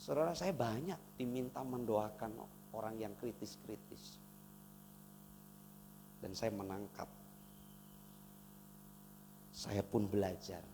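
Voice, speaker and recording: A male pastor from Indonesia delivers a sermon, his voice rough with gravel. He surges into loud, emphatic lines, then drops to soft, close asides. The sound rings with long church-hall reverb over a faint background hiss. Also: on the low side.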